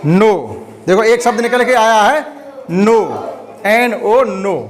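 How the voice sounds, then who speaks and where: Slowly and with fairly even intonation, a high-voiced man teaches a primary school class, spelling each word letter by letter and patiently going over it again. Children chatter in the noisy classroom behind him.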